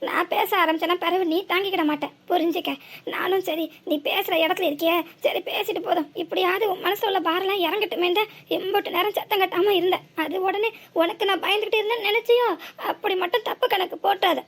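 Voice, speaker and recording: Woman voicing a sharp-tongued old mother-in-law. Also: very high voice, fairly even intonation, fast. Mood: scolding. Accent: southern Tamil Nadu. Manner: scolding, lecturing. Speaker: cartoon voice. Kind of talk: village cartoon comedy.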